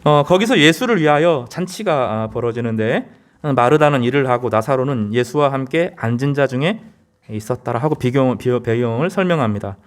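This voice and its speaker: A man's voice: mid-range voice, expressive, a little fast. A man preaching a sermon as pastor, earnest, with rising emphasis and frequent hesitation fillers.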